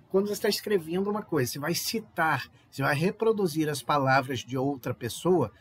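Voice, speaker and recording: Brazilian guy teaching a spanish class online, slightly high voice, explains slow and patient, keeps asking "tá?", faint hiss behind. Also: fairly bright tone. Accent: Brazilian Portuguese. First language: Portuguese. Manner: explains patiently, often checks with "tá?" and "né?". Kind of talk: recorded online lesson.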